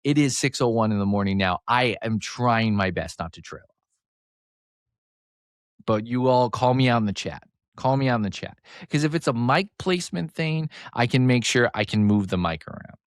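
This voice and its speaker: A man hosting a casual sports podcast alone, excitable and rambling, with a slight speech impediment that makes him mumble and trail off. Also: mid-range voice, normal speed, no room sound, studio quality. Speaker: podcast host. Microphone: close desk mic, sometimes turning off-axis.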